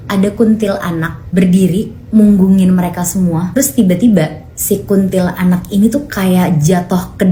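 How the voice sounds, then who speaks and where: Young woman, co-host, chatty horror teller; lowish voice, roomy echo, faint hiss. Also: dark tone. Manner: chatty, conversational. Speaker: co-host storyteller. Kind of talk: casual horror storytelling.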